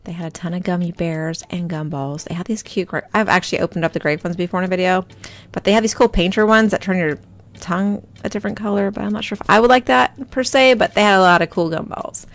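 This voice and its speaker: A woman's voice: lowish voice, fast. A woman vlogger chatting casually to her viewers about her shopping finds, rambling and talking straight to them. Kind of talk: casual shop-with-me voice-over.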